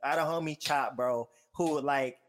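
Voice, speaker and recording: A man in a relaxed conversation, talking in slang and telling stories. He acts out what others said, jumping up into lively put-on voices. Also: medium pitch, normal speed. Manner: animated storytelling, slangy, acts out quotes. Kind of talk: casual chat.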